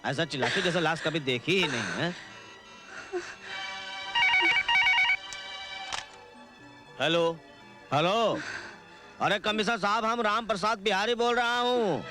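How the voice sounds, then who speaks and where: A man's voice: sits high, normal speed, loud music behind the voice, natural voice. An actor playing a crude, powerful male politician with a way of speaking, swaggering and commanding, in a film dub. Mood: leering. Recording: film soundtrack with loud score.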